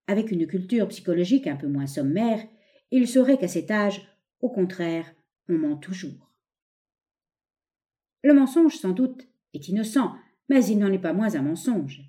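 A woman reading an essay aloud as scripted narration, expressive and leaning on key words. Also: medium pitch. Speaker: audiobook reader.

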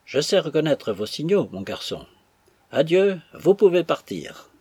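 A man voicing a calm, stern older sea captain who speaks dryly. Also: a little high, measured pace, husky, no room sound, voice pushed up, full character voice.

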